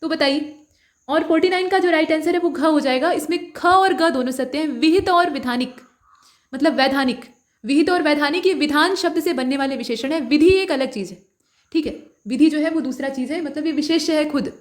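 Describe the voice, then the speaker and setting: Woman, high voice, exam tutor, patient, step-by-step explaining. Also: fairly quick. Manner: patient, step-by-step, checks in with listeners. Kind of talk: explaining mock test answers.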